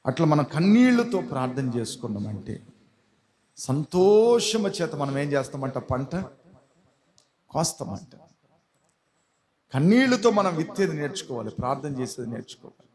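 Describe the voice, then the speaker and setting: A man's voice: a little high, sing-song, moderate pace, pauses often, darkish tone. A man preaching an emphatic sermon and acting out stories in different voices. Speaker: pastor.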